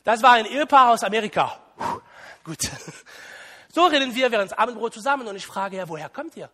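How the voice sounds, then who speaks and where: A man preaching a sermon, telling stories with animated bursts of emphasis. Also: very high voice, fairly quick, big-room sound.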